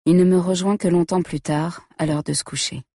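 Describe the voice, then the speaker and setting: A woman narrating a first-person story in a quiet, intimate way. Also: on the low side, steady tone, brisk, no room sound, studio quality.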